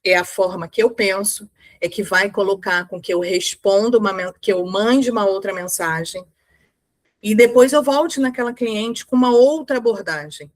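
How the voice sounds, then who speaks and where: A woman's voice: mid-range voice, moderate pace, dry recording. A woman with a Brazilian Portuguese accent giving an earnest, emphatic motivational talk as a mindset coach, in short repeated phrases. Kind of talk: motivational talk to women entrepreneurs.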